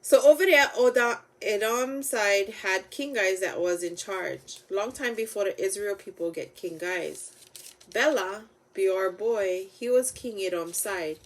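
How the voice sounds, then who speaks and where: A woman with a Hawaiian Pidgin accent reading Bible stories aloud, halting a little over the names. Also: mid-range voice. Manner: halting over names, with stumbles and self-corrections.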